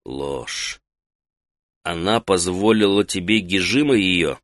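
A shrewd old mage with a calm, measured authority, as a male audiobook reader puts him on. The voice sits low and quiet, with a dry, close sound and no room around it. He speaks evenly, never needing to raise his voice. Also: no room sound. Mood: cool.

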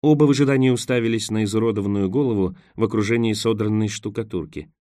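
A man narrating an adventure novel as an audiobook, steady and measured. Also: fairly low pitch, no echo, clean studio sound. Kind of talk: scripted narration.

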